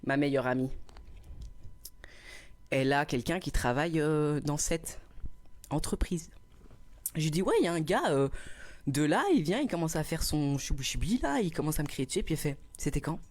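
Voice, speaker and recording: A young livestreamer chats casually while telling a story, animated and laughing often, loudly acting out a quarrel. His voice is fairly high and moves at a moderate pace with long pauses, picked up indoors by a small clip-on mic.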